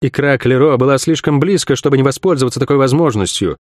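A man narrating a fantasy audiobook in an expressive storytelling manner. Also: mid-range voice, fast, no echo, clean studio sound.

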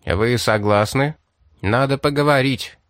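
A cold, scheming outlaw leader, read by a man narrating a story lays out his terms in a curt, businesslike way. His voice stays at an ordinary middle pitch. The recording is dry and close. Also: a little slow, fairly bright tone, no room sound, close to an everyday voice.

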